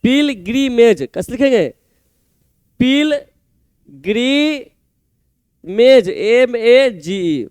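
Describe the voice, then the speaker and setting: Teacher, male, very high voice, dry close sound; drills spellings letter by letter. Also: clear, resonant tone, dry recording. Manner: slow, spells words letter by letter and repeats answers. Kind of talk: exam-prep spelling lesson.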